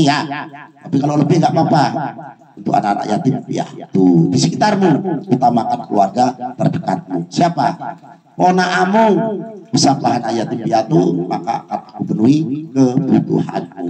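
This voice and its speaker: A man giving preachy spiritual advice straight to the listener, with lively swings in pitch. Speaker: spiritual advisor. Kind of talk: religious advice talk.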